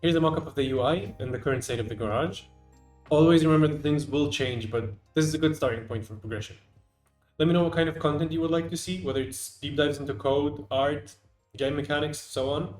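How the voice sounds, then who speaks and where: A man's voice: a little high, fairly quick, a little mellow. A young man, a game developer, narrating his devlog in a dry, self-deprecating way. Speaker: game developer and channel host. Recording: roomy echo. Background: faint music.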